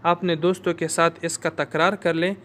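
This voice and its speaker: A man whose first language is Urdu, teaching a language lesson and drilling words slowly one at a time for the listener to repeat. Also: on the high side, little pitch movement, a bit bright. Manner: slow, careful word-by-word pronunciation drills. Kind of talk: slow spoken lesson with repeat-after-me drills.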